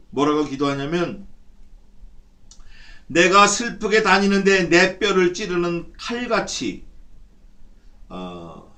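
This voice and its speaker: A man's voice: medium pitch, far from the mic. Dramatic male pastor, heard from afar. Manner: emphatic, dramatic preaching. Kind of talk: sermon. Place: church.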